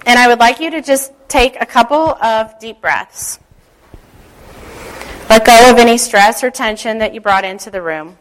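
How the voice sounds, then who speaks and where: A woman with a slightly high voice speaks as a church leader. She is gentle and instructive, taking her time as she guides listeners through devotional teaching and prayer. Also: low-quality recording.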